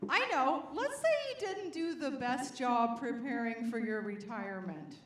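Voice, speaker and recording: A woman's voice: fairly high pitch, animated, measured pace. A middle-aged woman performing a stand-up comedy set on stage, with a wry, punchy delivery that draws out the punchlines. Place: comedy stage before a live audience. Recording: roomy live venue.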